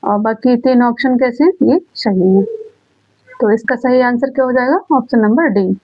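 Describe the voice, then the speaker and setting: A woman teaching an exam-prep grammar lesson, asking questions and answering them herself, repeating key words slowly. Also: on the high side. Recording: dull lo-fi sound.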